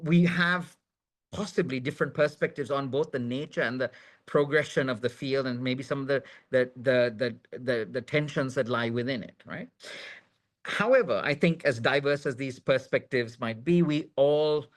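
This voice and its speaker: Man moderating a video-call webinar. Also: mid-range voice. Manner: many fillers and restarts, measured. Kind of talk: hesitant spoken introduction.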